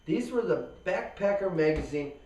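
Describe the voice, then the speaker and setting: A man co-hosting a casual outdoor gear review, explaining in a relaxed way with plenty of fillers. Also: high-pitched, normal speed. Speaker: co-host. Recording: roomy echo, far from mic.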